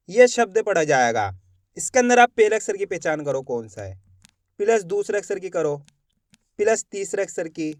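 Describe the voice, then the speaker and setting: A man's voice: high-pitched, dry recording, clean studio sound. A man teaching reading in an online lesson. He sounds out each word syllable by syllable, then says it whole, and coaches the viewers as friends.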